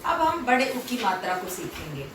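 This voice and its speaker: Lady teacher slowly drawing out sounds for kids, bouncy sing-song pitch, echoey room, mic kinda far. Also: sing-song, noisy background. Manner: slow, drawn-out enunciation of sounds. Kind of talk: children's phonics lesson.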